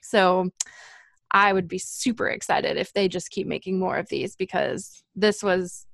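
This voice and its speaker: A woman's voice: lowish voice, unhurried, vocal fry, a bit bright, dry recording. A woman co-hosting a movie podcast, talking in a bubbly, upbeat way. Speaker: podcast co-host. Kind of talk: casual movie review chat.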